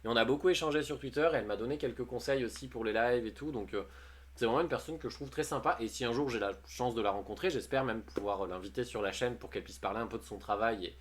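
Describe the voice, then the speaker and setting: On his livestream, a male streamer reads posts out loud and riffs on them, joking and laughing a lot in a chatty way. His voice is mid-range and he speaks fast.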